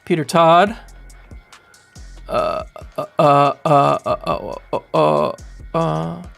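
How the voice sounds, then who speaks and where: A man in his thirties doing casual livestream commentary from home on a boom mic, rambling and animated, full of fillers. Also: takes it slowly, creaky, soft background music. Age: 30s. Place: home room. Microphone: studio mic on boom arm.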